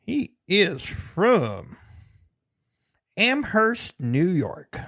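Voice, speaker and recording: Chill dude cohosting a sports pod, voice bounces up and down, swears, says bro a lot. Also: male voice, sits high, huge pitch swings, drawn-out words, fairly bright tone. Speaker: podcast co-host. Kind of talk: casual sports chat.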